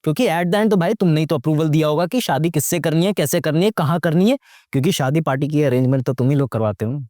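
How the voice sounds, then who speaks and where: Quick-paced and on the high side, yet a little mellow, this young man's voice carries sarcastic, casual movie commentary for his YouTube channel. He ridicules the film with slang and rhetorical questions, switching from Hindi into English now and then. The clean studio sound has no room reverb.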